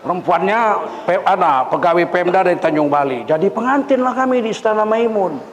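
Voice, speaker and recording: A man preaching a lively sermon, telling stories and asking the crowd questions. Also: high voice, a little fast. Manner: animated storyteller, asks the crowd questions. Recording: echoey hall, faint ambience.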